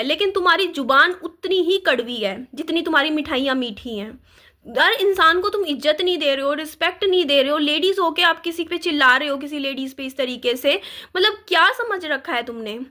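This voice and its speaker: A woman's voice: high-pitched, bright, forceful tone. A woman, telling an indignant storytime vlog with many fillers. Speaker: vlogger.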